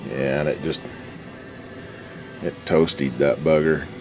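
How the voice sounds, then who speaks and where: A man with a rumbling low voice offers casual, unscripted commentary as a hobbyist radio restorer and video host, speaking slowly in a steady tone. He mutters in a folksy, slangy way while working, with music in the background.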